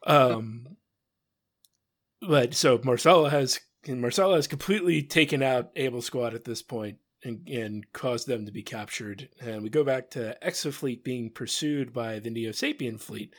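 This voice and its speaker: A man's voice: medium pitch, a little slow. Laughing male podcast host. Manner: laughs often, recaps with playful asides. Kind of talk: casual podcast chat recapping a cartoon.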